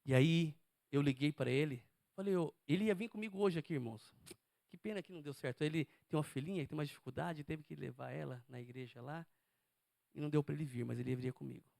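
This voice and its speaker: A man delivers a sermon in a high-pitched voice, speaking emphatically and repeatedly turning questions on his listeners. The sound is close and dry, with no room around it. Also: fast, gravelly, darkish tone, dry recording. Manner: emphatic, asks the congregation questions. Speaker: preacher.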